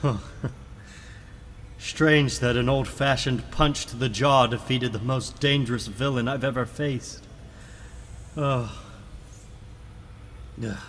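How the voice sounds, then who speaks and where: A man's voice: mid-range voice, steady tone, takes it slowly, pauses often, a little hiss or hum. A man playing a determined young superhero who thinks aloud dramatically in a comic book reading. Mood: relieved, resolute. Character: earnest, determined young male superhero narrating his own fight. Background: loud music.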